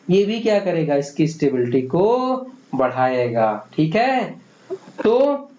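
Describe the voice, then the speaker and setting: A man's voice: sits high, a little mellow, a little hiss or hum. A man teaching chemistry for exam preparation who asks questions and answers them himself, calling his students "beta". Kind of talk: exam-prep lecture. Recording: echoey room, dull lo-fi sound.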